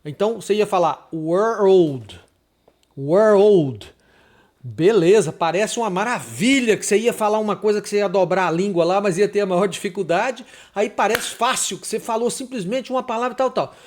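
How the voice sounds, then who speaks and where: A man from Brazil giving a casual video lesson on English pronunciation, chatty and repeating example words slowly with emphasis. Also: sits high. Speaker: English teacher.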